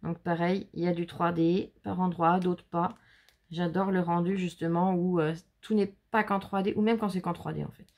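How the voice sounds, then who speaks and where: A woman's voice: lowish voice, steady tone, moderate pace, darkish tone. A woman from France, hosting a casual show-and-tell of handmade cards at home, chatty and gushing as she talks to her viewers. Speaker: scrapbooking channel host.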